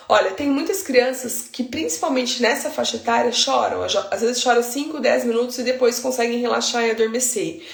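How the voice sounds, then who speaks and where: A woman's voice: fairly high pitch, gravelly, echoey room. A Brazilian woman, a baby sleep consultant, explaining routines in a chatty way, often checking in with the listener. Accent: Brazilian Portuguese. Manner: chatty, explains with homely examples and frequent tag questions. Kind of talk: informal teaching monologue.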